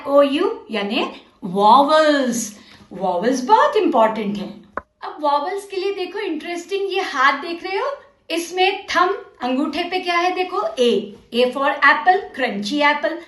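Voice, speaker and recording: A woman teacher with a high voice takes a children's literacy lesson slowly and patiently. She encourages her young learners and mixes Hindi with English. The sound has an echoey room around it. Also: a bit bright.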